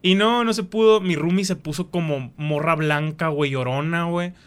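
Chatting casually on his podcast, a young Mexican man speaks at a moderate pace in a smooth, fairly high voice with a Mexican Spanish accent. He's a rambling storyteller who leans on slang and performs the lines people said.

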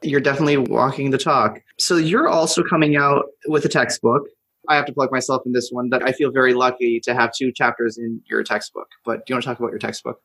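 Quick-talking, husky male podcast interviewer. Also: mid-range voice, steady tone, fairly bright tone, low-quality recording. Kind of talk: conversational interviewing.

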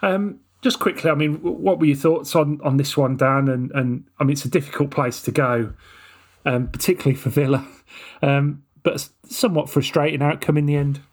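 A man's voice: on the high side, steady tone, brisk, breathy edge. A man hosting a football podcast in a casual, conversational style. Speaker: podcast host.

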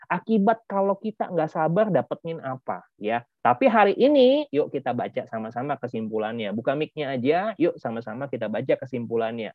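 Leading a children's church class on a video call, a man with a mid-range voice talks briskly and with energy, performing angry kids' quotes and firing questions at the class. The dull, lo-fi call audio has no echo.

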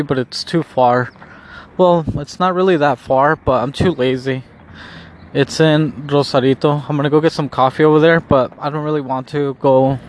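Slow, spaced-out stoner guy rambling. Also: medium pitch, a little hiss or hum. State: high on weed. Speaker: vlogger. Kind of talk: casual rambling video diary.

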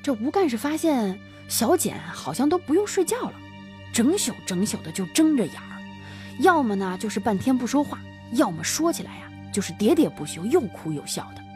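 A woman telling a story in animated chat, dramatic and full of sighing interjections. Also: a little high, normal speed, faint music behind.

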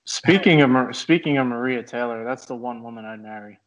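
A man's voice: mid-range voice, a little fast, lo-fi sound. Blunt, cursing man in casual chat. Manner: blunt, swears freely.

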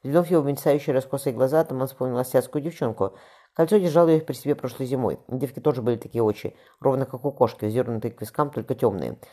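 Brisk, expressive male audiobook narrator. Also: medium pitch.

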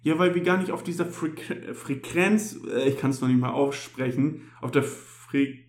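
A young man with a German accent delivers a relaxed youth sermon in a mid-pitched voice. He talks straight to his listeners and often throws in a casual "hey". The room around him rings with echo. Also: normal speed. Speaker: youth pastor.

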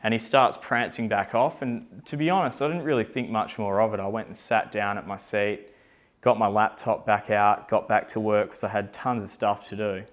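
Chatty young man with a lowish voice. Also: fairly even intonation, normal speed. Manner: chatty, candid, lots of fillers and self-deprecating asides. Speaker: company founder. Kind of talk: casual personal storytelling.

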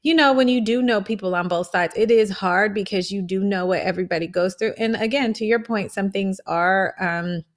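A woman's voice: mid-range voice, fairly quick, hardly any pauses. A woman chatting casually as a podcast co-host in a colloquial, conversational way. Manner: colloquial, conversational, often says "you know". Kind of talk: casual chat.

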